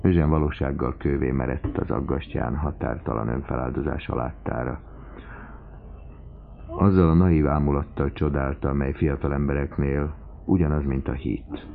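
A man narrating a classic novel as an audiobook, in a measured, even delivery. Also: a bass voice, gravelly. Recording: tinny phone-like lo-fi recording with faint hiss.

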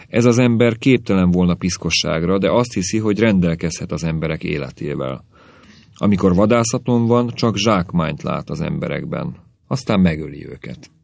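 A man's voice: deep voice, creaky, a little mellow, no echo. A man voicing a tense, solemn male clairvoyant who halts and searches for words in a storybook reading.

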